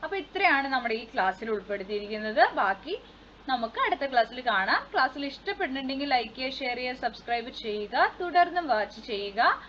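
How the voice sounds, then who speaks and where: A woman's voice: sits high, big pitch swings, a little fast, fairly bright tone. A woman teaching a children's textbook lesson, reading the story aloud and explaining it in simple words. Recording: slightly dull sound with faint noise.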